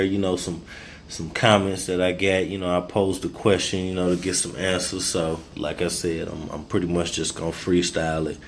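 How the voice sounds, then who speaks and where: A man's voice: sits low, a little hiss or hum. A man hosting a podcast, talking loose and rambling after a few drinks, freestyling his thoughts. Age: adult, married. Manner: loose, rambling, tipsy and relaxed. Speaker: podcast host. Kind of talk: casual freestyle podcast monologue.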